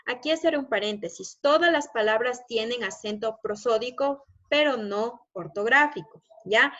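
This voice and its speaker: A woman's voice: a little high, a bit bright. Lo-fi teacher woman explaining slides. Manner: explanatory, checks in with frequent "¿ya?". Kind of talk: recorded lesson over slides.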